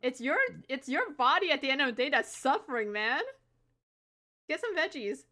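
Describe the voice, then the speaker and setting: A woman's voice: sits high, animated, moderate pace, sharp tone. A young adult woman hosting a live stream, chatting casually and teasing, laughing often. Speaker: livestream host.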